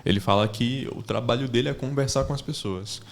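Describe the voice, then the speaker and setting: A man's voice: medium pitch, vocal fry. A man co-hosting a casual chat, throwing in joking remarks. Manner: joking, quick interjections. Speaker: videocast co-host.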